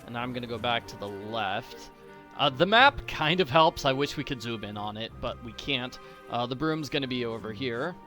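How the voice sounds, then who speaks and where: A man's voice: medium pitch, animated, moderate pace, bright, forceful tone, faint music behind. A man hosting a game walkthrough with casual, playful, jokey commentary.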